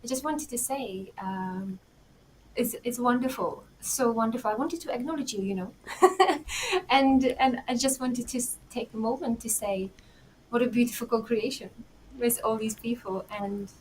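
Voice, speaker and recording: A woman in her thirties with a Czech accent, chatting as an interview guest, warm and giggly with many pauses and fillers. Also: on the high side, a little hiss or hum, rough recording. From Czech Republic. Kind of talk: casual interview talk.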